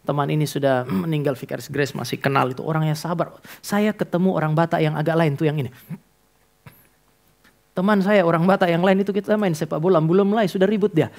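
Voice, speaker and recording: Guy pastor giving a sermon in church, kinda high voice, talks right to the congregation. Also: fast talker, vocal fry, a little mellow. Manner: addresses congregation directly, tells stories with acted dialogue.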